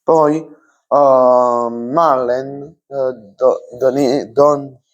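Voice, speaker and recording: A man's voice: mid-range voice, slow, a little mellow, highs cut off. A young man giving an unscripted football transfer news rundown for his channel, full of fillers and restarts. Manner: hesitant, many fillers and restarts.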